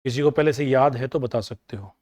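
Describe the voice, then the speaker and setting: A man's voice: medium pitch, brisk, a little mellow. A man teaching an accounting class, explaining with everyday household examples and coaxing students to remember answers. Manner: everyday household examples, mixing in English terms. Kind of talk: classroom lecture.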